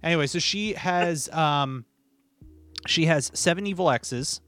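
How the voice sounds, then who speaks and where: A man's voice: on the high side, unhurried, fairly bright tone, dry recording, soft background music. A man hosting a casual podcast chat, talking in an upbeat, enthusiastic and jokey way. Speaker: podcast host.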